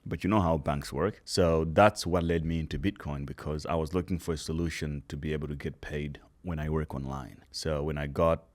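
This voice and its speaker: A man, a guest telling his story in a relaxed, casual interview chat. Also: rumbling low, a little fast, hardly any pauses. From Malawi. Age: 30s.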